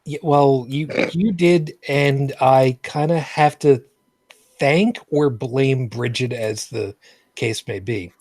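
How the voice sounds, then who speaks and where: A male main host with a slightly husky voice, recorded close and dry over an online setup. He rambles casually, restarting phrases and dropping dry sarcasm. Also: mid-range voice, takes it slowly, darkish tone, dry recording. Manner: rambling, filler-heavy, repeats and restarts phrases. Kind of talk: casual live vlogcast chat.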